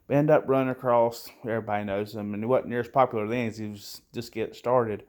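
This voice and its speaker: A man's voice: mid-range voice, quick pace. Rambling man telling a story. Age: 30s. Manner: rambling, relaxed, lots of fillers and restarts. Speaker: gun channel host. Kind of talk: casual story-time vlog. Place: home, early morning.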